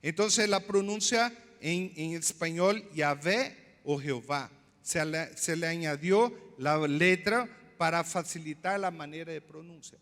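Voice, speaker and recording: A male pastor preaching a sermon, explaining slowly, repeating words and asking the congregation questions. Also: on the high side, a bit bright, in a large hall. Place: church.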